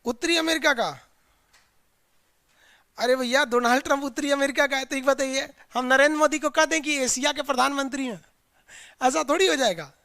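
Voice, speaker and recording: A man's voice: very high-pitched, moderate pace, pauses often, bright, forceful tone, no echo, clean studio sound. A man teaching a live online class in a colloquial, chiding way, drilling his students with repeated call-and-response lists.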